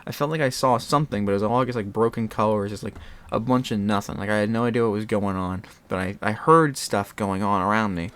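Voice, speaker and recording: A man chatting casually and telling a personal story in a rambling, animated way, often interrupting himself and re-enacting bits of dialogue. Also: fairly low pitch, fast, clean tone. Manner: often laughs while talking. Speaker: storyteller recounting own experience.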